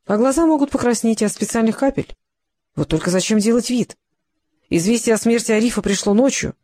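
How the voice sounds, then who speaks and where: An audiobook narrator reading a detective novel in an even, measured way. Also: mid-range voice, dry recording.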